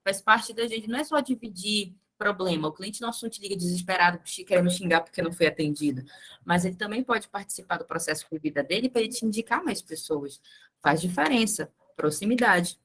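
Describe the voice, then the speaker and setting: A woman's voice: mid-range voice, brisk, fairly bright tone. Female sales trainer, young adult, conversational lecture, engages audience often. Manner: chatty, addresses the group directly with frequent tag questions. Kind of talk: live sales training talk.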